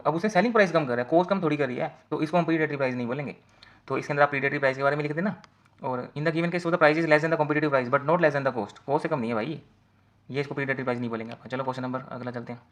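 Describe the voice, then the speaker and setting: Fast-talking man teaching. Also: a little high. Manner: rapid, talks to students directly in mixed Hindi and English. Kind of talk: exam case study walkthrough.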